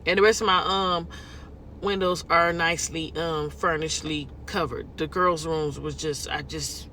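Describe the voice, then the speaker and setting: A woman's voice: sits low, fairly even intonation, moderate pace, sharp tone, slight background noise. A woman from California with a Californian accent, chatting casually to her viewers in a vlog, folksy and talkative, tossing in lots of y'all and okay. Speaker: lifestyle vlogger.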